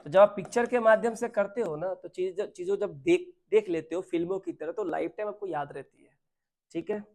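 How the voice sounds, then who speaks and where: A man's voice: high voice, a little mellow. A man teaching a vocabulary lesson in Hindi, mixing in English words, quizzing his students and often checking that they understand. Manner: mixes English terms into Hindi speech; spells words out slowly.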